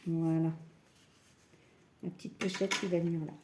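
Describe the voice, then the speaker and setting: A woman calmly guiding a scrapbooking tutorial step by step, working standing up. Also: fairly low pitch, normal speed, noisy background. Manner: calm step-by-step, often says "voilà". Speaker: scrapbooking crafter. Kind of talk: crafting tutorial.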